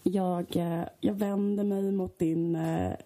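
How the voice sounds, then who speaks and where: A woman co-hosting a podcast, telling stories in an animated, chatty way. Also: on the low side. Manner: animated storyteller, chatty with fillers. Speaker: podcast co-host. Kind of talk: casual chat.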